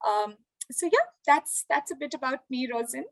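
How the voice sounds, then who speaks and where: A woman's voice: sits high, lively intonation, normal speed, poor audio. A woman from India, speaking reflectively as a panelist in a virtual panel discussion, over a video call and with many "you know" fillers. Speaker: panelist, leadership development.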